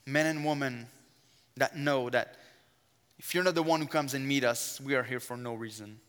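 This guest preacher, a native French speaker with a heavy French accent, gives a sermon beginning with an earnest, fervent prayer. He talks at normal speed in a smooth, resonant, medium-pitched voice that's a bit bright. Every phrase echoes with the sanctuary's long reverb.

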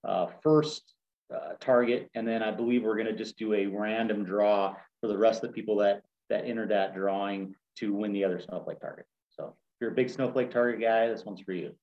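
A man's voice: lowish voice, a little fast, muffled recording. A man organizing a shooting match, chatting casually and easily, often laughing as he talks. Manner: easygoing, laughs while talking. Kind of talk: casual chat.

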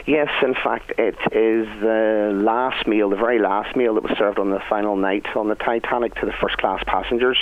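Low-voiced Northern Irish man, chatty storyteller. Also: steady tone, moderate pace, few pauses, narrow, tinny audio, a little hiss or hum. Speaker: guest, restaurant chef. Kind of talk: conversational radio interview answers.

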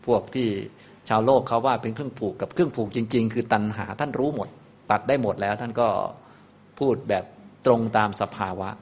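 A man giving a relaxed, conversational Buddhist Dhamma talk in a lecture hall, explaining Pali terms with easy asides. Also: medium pitch, a little fast, slightly rough.

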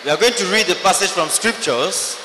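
Interpreter guy, lively high voice, bright, church echo. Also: normal speed, slight background noise. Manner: echoes the preacher's phrases in short bursts. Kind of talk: live sermon interpretation. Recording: echoey hall with faint ambience.

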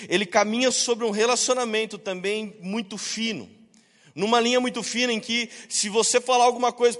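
Guy preaching in church, kinda high voice, long echo, tells stories and does the voices, jokes with the crowd. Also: a bit bright. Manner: storytelling, acts out quoted voices; jokes with the congregation. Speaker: pastor. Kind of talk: sermon.

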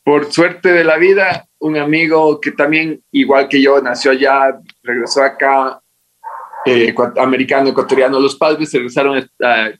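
A man's voice: mid-range voice, normal speed, low-quality recording. A man from Ecuador with an Ecuadorian Spanish accent, telling his life story as an interview guest and acting out what people said to him. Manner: animated, acts out quoted dialogue.

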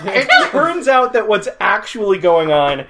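A woman's voice: medium pitch, huge pitch swings, a little slow, fairly bright tone, a little hiss or hum. A woman in casual chat about a film, wry, laughing and swearing.

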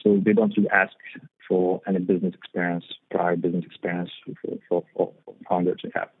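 A man's voice: low voice, level tone, brisk, slightly rough. A young man from Lithuania, a startup founder being interviewed, talking hesitantly with many fillers and repeated words. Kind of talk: interview conversation. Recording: tinny phone-like line.

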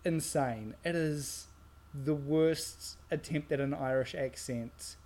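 Animated rambling man reviewing a film. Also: fairly high pitch, slow. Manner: rambling, animated, frequent restarts and laughter. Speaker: podcast co-host. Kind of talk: casual movie review chat.

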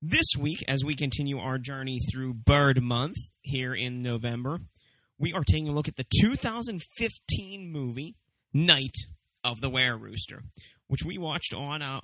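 A man's voice: mid-range voice, normal speed, a bit bright, no echo, poor audio. A man hosting a casual, comedic review, talking emphatically and swearing freely as he stresses his points. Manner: emphatic, profane, swooping for stress. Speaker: movie review show host.

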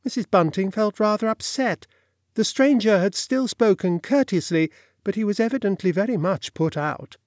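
High-pitched guy narrating an old novel, steady and expressive, dead dry recording. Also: moderate pace, dry recording. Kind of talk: audiobook narration.

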